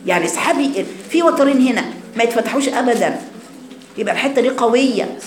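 A woman with an Egyptian accent teaching Quran recitation, correcting a student and chanting slow examples. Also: a little high, expressive, reverberant. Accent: Egyptian Arabic. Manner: corrective, alternates quick Egyptian speech with slow chanted demonstrations.

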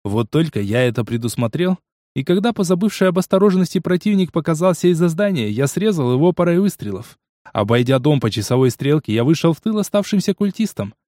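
A man narrating a first-person action audiobook in a steady storytelling way. His voice sits a bit high, and the recording is close and dry with no room. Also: a little fast, dry recording. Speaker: audiobook reader.

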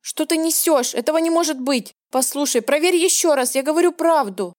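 A woman voicing a naive young woman in an audiobook, pleading in a shrill, raised voice. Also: fairly quick, no echo, studio quality, lightly acted. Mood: desperate pleading.

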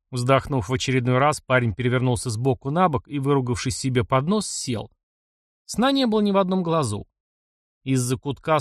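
A man narrating an audiobook in an expressive storytelling manner, on a close mic. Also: medium pitch, no room sound.

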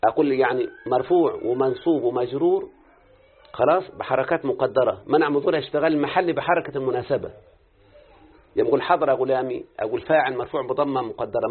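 Egyptian male teacher, brisk questioning delivery, husky, tinny phone-like audio. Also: medium pitch. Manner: quick explaining, checking understanding with questions. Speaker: teacher of Quranic readings and grammar. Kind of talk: live lesson with a student.

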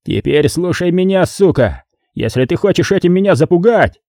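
A man's voice: medium pitch, big pitch swings, measured pace, mellow, no room sound, clean studio sound, voice pushed up. A man voicing a panicked, short-tempered male gang boss who snaps out orders. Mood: harsh. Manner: barking, snapping orders.

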